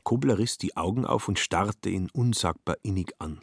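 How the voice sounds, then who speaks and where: Low-voiced male radio-play narrator. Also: moderate pace, gravelly, husky, no echo, studio quality.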